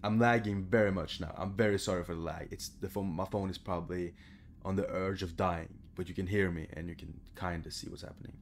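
A young adult man with a deep voice, fairly even intonation and a fairly quick pace records casual, sweary gameplay commentary. He speaks informally from a small indoor bedroom, making videos about games.

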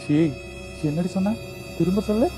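A man's voice: sits high, music in the background, close to an everyday voice. A man voicing a hot-tempered young man in a cartoon love story, pleading with the woman he loves, with a Kanyakumari Tamil accent. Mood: angry. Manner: pleading, quick to anger. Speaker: voice actor.

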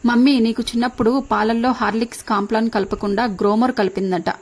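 A woman's voice: on the high side, steady tone, quick pace, darkish tone, natural voice. A woman voicing a playful, teasing young woman who ribs her brother in an audiobook reading. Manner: chatty, teasing.

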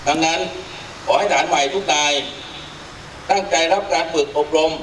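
A middle-aged man, a military officer, delivering a formal ceremonial speech phrase by phrase in a measured way. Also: fairly high pitch, a bit bright. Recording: very echoey, distant mic, noisy.

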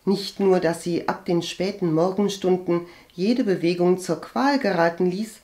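Slow, low-voiced woman narrator. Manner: measured, even storytelling. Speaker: audiobook reader. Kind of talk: scripted narration.

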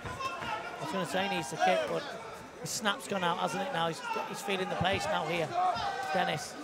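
A man giving excited live kickboxing commentary in short, punchy, repeated phrases. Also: high-pitched, normal speed. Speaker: fight commentator. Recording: loud arena crowd and music behind. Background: crowd and music.

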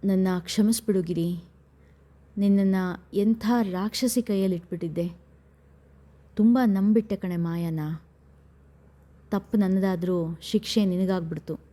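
A woman's voice: mid-range voice, fairly even intonation, a little slow, pauses often, warm tone, close to an everyday voice. A woman voicing a loving, remorseful elderly husband speaking with emotion. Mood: tender.

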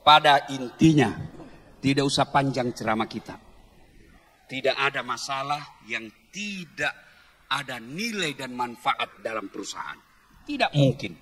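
A man preaching a lively, humorous sermon to a crowd, teasing and joking with the audience before turning earnest. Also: medium pitch, measured pace. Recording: long hall reverb.

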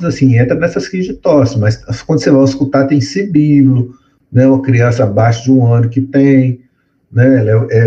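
A man's voice: fairly low pitch, mellow, highs cut off. A man giving a medical lecture to students, explaining step by step and often checking in with tag questions. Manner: explanatory, repeats words for effect, frequent tag questions. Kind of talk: classroom lecture.

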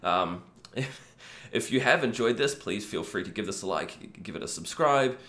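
A man in his thirties with a croaky, cold-affected voice, casually hosting a screen-share tutorial in an easygoing, informal way. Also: lowish voice, expressive, normal speed, a bit bright. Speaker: video host. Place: small room indoors. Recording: echoey untreated room.

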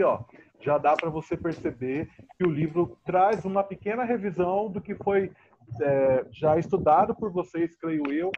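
A man's voice: on the high side, a little mellow. A man teaching a class online, patient and stretching out words as he explains, often checking in with the students. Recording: muffled lo-fi audio, faint noise.

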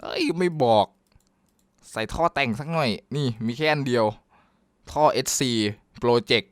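A man giving casual, excitable commentary while playing a driving game, joking and talking to his viewers. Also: medium pitch, measured pace, clear, resonant tone, no echo, studio quality. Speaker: gaming YouTuber.

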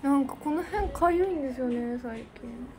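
Speaking at a moderate pace in a high-pitched, warm voice, a young idol livestreamer with a Niigata Japanese accent chats casually with her fans. She giggles often and thanks viewers by name. Background noise is present throughout.

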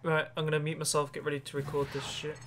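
A man's voice: a little high, completely flat delivery, quick pace, background noise. A man narrating a game role-play and commanding the other players, barking orders.

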